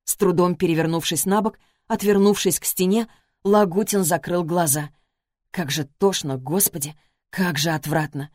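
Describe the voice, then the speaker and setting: A woman reading a literary story as an audiobook, measured and expressive, close to the mic. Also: fairly low pitch, no room sound. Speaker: audiobook narrator.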